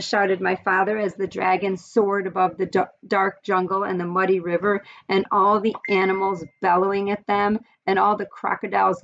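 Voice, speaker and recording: A woman teacher reads a chapter book aloud to her students and explains the pictures in a friendly, conversational way. Her voice has a gravelly fry at the ends of phrases. The recording is dull and lo-fi. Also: medium pitch, a bit bright. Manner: friendly, explaining, some fillers.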